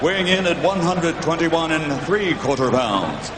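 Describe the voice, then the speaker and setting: An echoing arena PA carries a male boxing ring announcer over loud noise. His voice sits fairly high, and he delivers formal introductions that stretch and build like a lucha libre announcer's. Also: sing-song, unhurried. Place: large indoor boxing arena.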